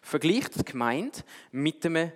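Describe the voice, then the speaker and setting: Animated preacher, echoey hall. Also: male voice, a little high, unhurried. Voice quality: lively storyteller, animated. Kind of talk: sermon with a told story.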